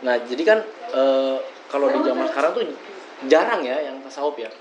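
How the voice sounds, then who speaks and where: A man's voice: mid-range voice, animated, fairly quick, crowd noise. A man hosting a casual interview, asking rambling questions full of fillers. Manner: chatty, hesitant questions with many fillers. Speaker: podcast host.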